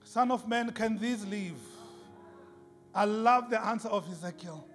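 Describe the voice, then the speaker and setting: In a large, echoing indoor worship space, a man with a high-sitting voice preaches a little slowly. His sermon is impassioned, emphatic, repetitive and rhetorical, with hall reverb and music behind him.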